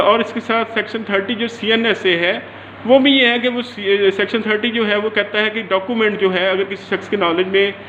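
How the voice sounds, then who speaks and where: Speaking with a Pakistani accent, a man from Pakistan lectures on law in a high, slightly bright voice, explaining things, repeating himself for teaching's sake and dropping in English legal terminology. Faint noise, a dull lo-fi tone and roomy echo mark the audio.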